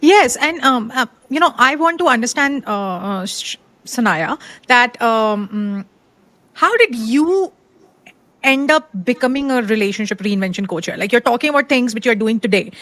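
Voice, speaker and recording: Female podcast host, fairly high voice, halting questions full of fillers, dry close sound. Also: expressive, dry recording. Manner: warm, hesitant questions with many fillers. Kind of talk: conversational podcast interview.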